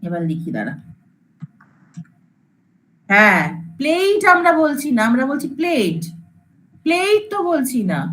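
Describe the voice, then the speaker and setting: A woman lecturer with a high voice teaches a class. She says example words over and over, mixes English terms into her speech and keeps checking whether her students follow. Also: a bit bright, a little hiss or hum, rough recording. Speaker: computer science lecturer.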